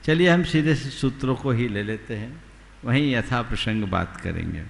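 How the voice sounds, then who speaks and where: A man, a Jain monk, giving a sermon, teaching slowly and deliberately and asking his listeners rhetorical questions. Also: mid-range voice, animated, gravelly. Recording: long hall reverb, faint background noise.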